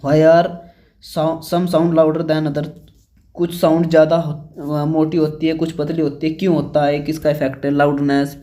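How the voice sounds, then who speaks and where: A man's voice: a little high, mellow. A man teaching a science lesson in a casual classroom style, often checking in with the listener and asking and answering his own questions. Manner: checks in constantly with ठीक है and भाई, asks and answers own questions.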